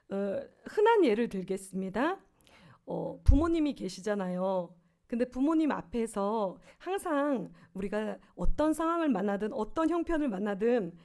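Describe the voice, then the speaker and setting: A woman's voice: fairly high pitch, mellow. A woman in her fifties, a pastor, preaching a sermon with earnest personal stories and rhetorical questions. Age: 50s. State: swollen tonsils.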